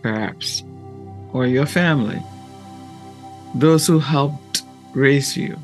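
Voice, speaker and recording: A man speaking in a gentle, measured and deliberate way, with long pauses, as he hosts a reflective talk and guided meditation. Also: medium pitch, soft background music. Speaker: podcast host and meditation guide.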